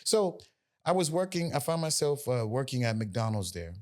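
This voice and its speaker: An American singer in his forties tells his story as a guest in a casual interview, rambling loosely with lots of fillers and restarts. His medium-pitched voice is very animated with a darkish tone, and he talks at a normal speed.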